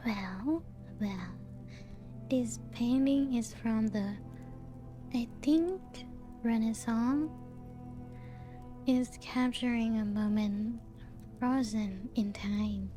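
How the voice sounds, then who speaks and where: Wistful yet playful, the same teasing vampire hostess leads guests through her ancient castle in a soft ASMR roleplay, her higher-pitched voice very slow and hushed. She frequently drifts into whispers and gentle chuckles while background music plays behind her.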